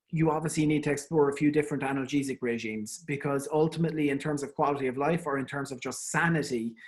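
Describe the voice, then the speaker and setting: Irish male dental specialist, chatty lecture delivery, tenor-leaning voice, lots of ums. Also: fairly high pitch. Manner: conversational, frequent ums and restarts. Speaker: endodontist giving an online talk. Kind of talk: informal webinar lecture.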